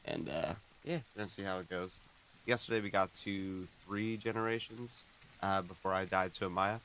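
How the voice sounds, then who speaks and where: Deep, gravelly-voiced male game streamer. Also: normal speed, a little hiss or hum, poor audio. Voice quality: groggy morning voice. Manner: speaking quietly, relaxed. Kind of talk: casual live-stream chat.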